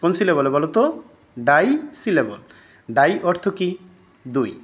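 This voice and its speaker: A man's voice: on the high side, very animated, moderate pace. A man teaching a recorded grammar lesson, who keeps asking his students questions and then answers them himself.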